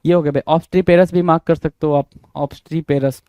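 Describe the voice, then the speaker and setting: A man's voice: a little high, steady tone, measured pace, smooth, dry recording, lo-fi sound. Man, Indian accent, vocabulary teacher, spells words out, dry close recording. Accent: Indian English. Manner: drills words, spells them letter by letter, asks and answers his own questions. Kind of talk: exam-prep vocabulary lesson.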